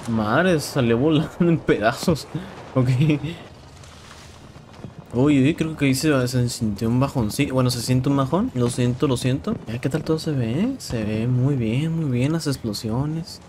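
A young man with a Mexican accent giving casual, excitable commentary while playing a shooter game, swearing and repeating words. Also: mid-range voice, a little slow. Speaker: gameplay streamer. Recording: game sounds and noise in background.

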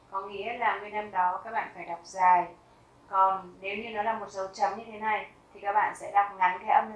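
A woman teaching a vocabulary lesson, reading each word twice slowly and carefully and explaining how to pronounce it. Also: medium pitch, echoey room, far from the mic, lo-fi sound. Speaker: German teacher. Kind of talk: slow vocabulary lesson with pronunciation drills.

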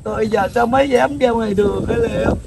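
A woman's voice: on the high side, fast, gravelly, a crowd in the background. A middle-aged woman playing a poor mother who reproaches her daughter and pleads for her. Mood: reproachful. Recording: noisy outdoor background.

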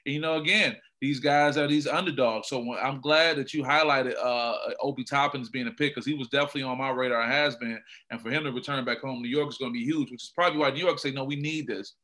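A man's voice: medium pitch, fairly even intonation, fast, few pauses, bright, forceful tone. A man hosting a casual sports talk show, talking in an emphatic, conversational way. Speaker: podcast host.

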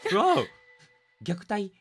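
A man with a Kansai accent doing jokey let's-play commentary, excitable and swinging from muttering to shouting. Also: very slow, faint music behind. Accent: Kansai Japanese. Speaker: game streamer.

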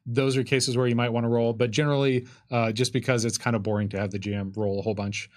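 At a studio table with a curtain behind him, a man in his thirties talks into a stand-mounted tabletop microphone, explaining game rules on a casual panel. His mid-range voice is flat and he talks fast, hedging and going off on asides as he answers as the game's designer.

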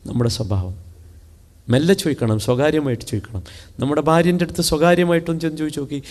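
A man's voice: fairly high pitch, fast. Male preacher, fiery call-and-answer sermon style, recorded in a reverberant hall. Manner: rhetorical questions he answers himself, swinging from soft to shouted. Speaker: Islamic preacher.

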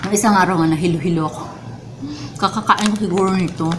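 Clear background noise surrounds a Filipino woman with a slightly low voice. She chats casually to her viewers in a mukbang eating vlog, savouring the food as she talks. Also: steady tone, fast talker. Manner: chatty, addresses viewers directly. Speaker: vlogger.

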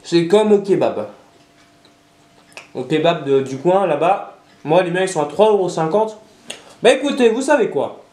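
A man's voice: high-pitched, expressive, normal speed, long pauses, warm tone. A young man chatting casually to viewers in a food-tasting vlog, talking with his mouth partly full. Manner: chatty, joking, addresses viewers directly. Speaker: vlogger. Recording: echoey room.

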